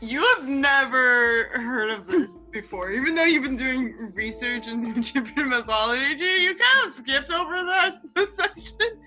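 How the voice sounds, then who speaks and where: Bright, slow-talking woman game master. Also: high-pitched, highs cut off, faint music behind. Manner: rambling descriptions with many fillers and laughs. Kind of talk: narrating a tabletop game.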